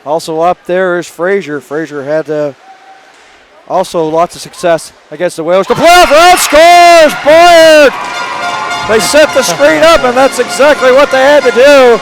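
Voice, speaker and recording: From an arena booth, a male announcer with a very high voice does play-by-play for a live hockey game, his voice raspy and hoarse from days of calling games. He's quick, building to excited calls on scoring chances, and the recording is low quality.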